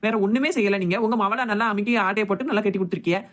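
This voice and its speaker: A woman voicing a sharp-tongued young daughter-in-law in a cartoon, with a Thoothukudi Tamil accent, firing back quick retorts. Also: mid-range voice, lightly acted. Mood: defiant. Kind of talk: cartoon voice acting.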